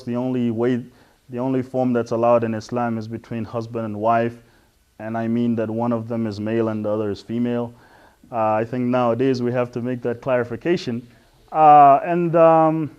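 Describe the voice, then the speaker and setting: A middle-aged man from West Africa giving an earnest introductory talk on religion, explaining step by step with frequent pauses and restarts. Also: medium pitch, a little mellow, muffled recording. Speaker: Islamic lecturer.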